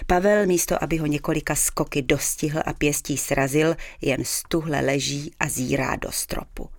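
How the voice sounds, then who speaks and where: Woman narrator, dry ironic audiobook reading, low pitch. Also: fairly even intonation, vocal fry, dry recording. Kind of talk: first-person audiobook narration.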